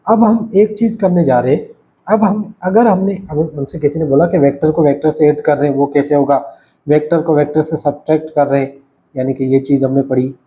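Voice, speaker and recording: Dark-voiced male teacher at a writing board. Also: on the high side, steady tone, brisk. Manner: patient, repetitive explaining with frequent checks. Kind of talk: recorded lecture. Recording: dull lo-fi recording.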